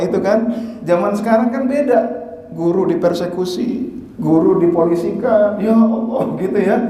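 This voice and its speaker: A man's voice: sits high, mellow. A man preaching a sermon in speech, telling stories and rising to emphatic exclamations. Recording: echoey hall with long reverb.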